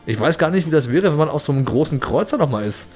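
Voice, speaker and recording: A man's voice: fairly high pitch, expressive, fast talker, darkish tone. A man giving casual let's play commentary in a playful, rambling, chatty way. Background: game music.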